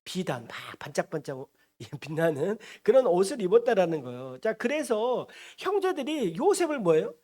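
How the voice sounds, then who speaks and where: A male pastor preaching in a church, his pitch swinging widely from phrase to phrase. He tells the story with lots of animation, jumping into the characters' voices as he goes. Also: moderate pace. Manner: animated, acts out the characters he describes. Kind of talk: storytelling sermon.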